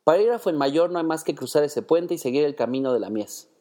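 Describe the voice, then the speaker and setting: A man's voice: on the high side, expressive, brisk, warm tone, natural voice. A man voicing a fierce, loyal young male servant who talks eagerly and bluntly, in a read-aloud story.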